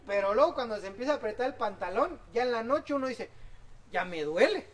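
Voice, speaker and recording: A man preaching a sermon as pastor, swinging between loud exhortation and soft asides. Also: very high-pitched, expressive, a little fast. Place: outdoor church service. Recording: distant mic with faint background noise.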